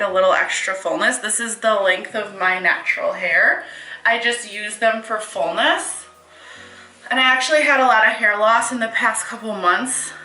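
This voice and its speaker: A woman's voice: medium pitch, bright, forceful tone, reverberant, low-quality recording. A young woman and hair stylist chatting casually through a home tutorial, rambling with lots of fillers and asides, a bit out of breath.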